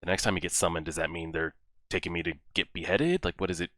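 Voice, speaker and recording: A man with a very low voice and a forceful, bright edge talks through a show in casual reaction commentary. He exclaims and talks back to the screen, and the sound is dry and close. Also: quick pace, dry recording. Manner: animated, exclaiming and talking to the characters. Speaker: reaction video host.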